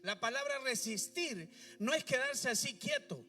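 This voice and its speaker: In a church, a pastor preaches a sermon in a very high, gravelly voice that sounds pushed and bright, his pitch swooping wildly at an unhurried pace. He fires rhetorical questions and calls on the congregation to repeat after him. The mic is distant, with faint music in the background.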